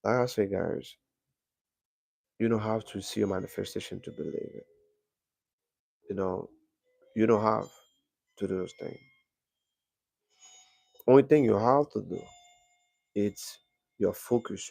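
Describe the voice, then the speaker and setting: A man's voice: on the low side, creaky, mellow, breathy edge, no echo. A man hosting a casual motivational livestream on a microphone, repeating himself and calling his viewers guys. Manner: repetitive, keeps addressing viewers as guys. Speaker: livestream host.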